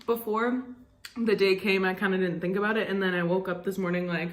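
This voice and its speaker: A woman's voice: medium pitch, fairly even intonation, fairly quick. A young woman from the United States chatting informally to her viewers in a casual vlog update. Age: young adult. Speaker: vlogger.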